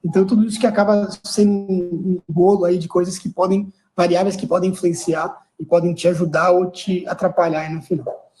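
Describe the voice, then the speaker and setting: A man's voice: high voice, flat delivery, fairly quick, darkish tone, poor audio. A man hosting a webinar who reads out audience questions and rambles, repeating words as he goes. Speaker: webinar host. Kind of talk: moderating a webinar.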